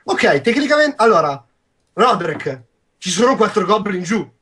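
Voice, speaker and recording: High-voiced, husky young man. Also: big pitch swings, moderate pace, fairly bright tone. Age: young adult. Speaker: game master. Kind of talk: narrating and refereeing an online tabletop game. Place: at home on a group video call.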